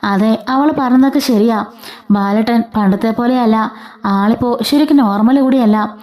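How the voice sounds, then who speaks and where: Woman reading as worried older man, calm explaining, mellow voice. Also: a little high, measured pace, close to an everyday voice. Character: worried older family friend, male.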